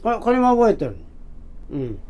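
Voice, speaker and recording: A very old man with a Hiroshima accent recounts memories in a dark, relaxed voice. He speaks haltingly, restarting and repeating words as he searches for the next piece of his recollection. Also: high voice. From Hiroshima, Japan. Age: over 80. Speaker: interviewee, war-era survivor. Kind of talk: oral history recollection.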